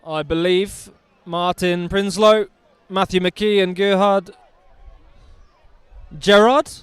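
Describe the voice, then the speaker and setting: A man's voice: sits high, steady tone, slow pace, smooth, dry recording. A man doing live rugby commentary outdoors, chatty and enthusiastic with jokey asides.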